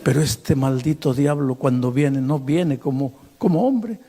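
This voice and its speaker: A man's voice: medium pitch, measured pace, dark tone, slight background noise, close to an everyday voice. A man preaching, voicing a drunken man who cries and pleads in shame. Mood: tearful. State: crying. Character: drunken man, tearful and ashamed.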